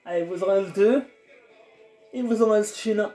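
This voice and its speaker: A man's voice: sits high, a little slow, warm tone. A man coaching a home workout, counting down reps and urging the listener on. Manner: encouraging, counts down reps, coaxing. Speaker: fitness coach. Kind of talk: guided home workout instruction. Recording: roomy with faint music.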